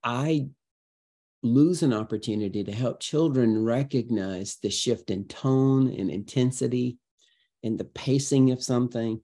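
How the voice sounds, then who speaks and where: A guest educator answers interview questions conversationally, his mid-range voice expressive and emphatic. He tells it like a storyteller and acts out his examples.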